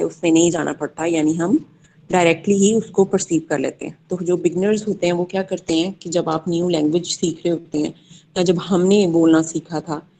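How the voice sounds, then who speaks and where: A young woman giving a class presentation, halting with many fillers as she mixes two languages. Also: on the low side, dark tone, slight background noise. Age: young adult. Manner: hesitant, many fillers, mixes Hindi-Urdu and English. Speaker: student presenter.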